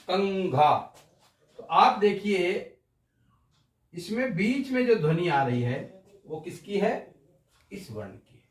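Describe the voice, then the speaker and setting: A male Hindi teacher giving a classroom-style pronunciation lesson, slowly drilling syllables one by one. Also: sits high. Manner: slow, deliberate syllable-by-syllable drilling. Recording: roomy, distant mic.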